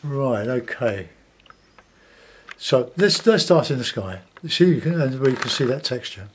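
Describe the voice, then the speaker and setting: A man in his sixties with a South London accent, giving an unhurried, casual commentary as he demonstrates painting, pausing and half talking to himself. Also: medium pitch, lively intonation, a little hiss or hum. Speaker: painting tutor. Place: small cluttered home studio, indoors.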